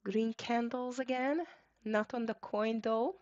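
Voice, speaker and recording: A Hungarian-accented woman hosting a live trading stream offers market commentary, rattling off stock tickers in clipped spurts with filler words. Her voice is on the high side and darkish, her tone steady and her pace slow, heard through dull lo-fi stream audio.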